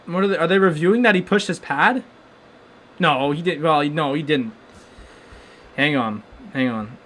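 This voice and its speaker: A young man hosting a live hockey watchalong, reacting casually and excitedly with lots of restarts and stunned exclamations. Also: on the high side, moderate pace. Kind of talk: casual live game commentary.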